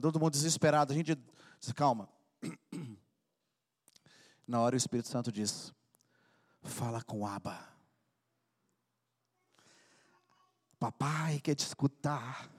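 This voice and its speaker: A man preaching a sermon as pastor, impassioned and rising to loud preaching. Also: mid-range voice, in a large hall. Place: church.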